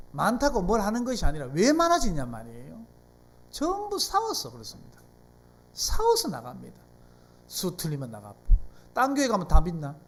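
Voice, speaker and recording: A South Korean pastor speaks with a Gyeongsang accent as he delivers a conversational sermon in a church sanctuary. Lively and animated, his pitch swings up and down while he keeps posing rhetorical questions to the congregation.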